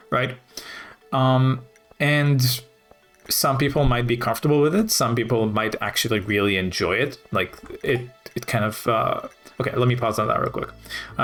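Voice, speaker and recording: A man's voice: medium pitch, fairly bright tone. A man casually commenting while playing a video game, rambling and thinking aloud with many fillers. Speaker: gaming video host.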